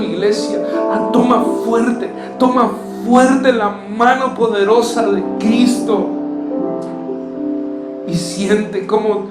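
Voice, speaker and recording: A male pastor, possibly, closing a sermon by leading the congregation in prayer and fervent declarations from a church stage. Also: high-pitched. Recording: echoey church hall with music. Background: soft guitar music.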